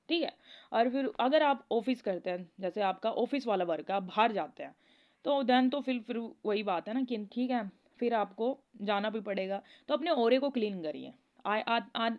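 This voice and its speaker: A woman talking casually in a spiritual advice vlog, rambling and chatty, often laughing as she tells stories. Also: fairly high pitch. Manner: rambling, chatty, keeps asking "okay?". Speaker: spiritual content creator. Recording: dull lo-fi recording.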